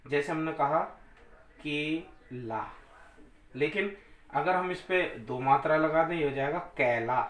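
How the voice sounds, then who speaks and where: A man teaching a Hindi grammar lesson, slowly drawing out and repeating vowel sounds. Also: on the high side, a bit bright. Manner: slow, drawn-out vowel demonstrations, repeating sounds. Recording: echoey room.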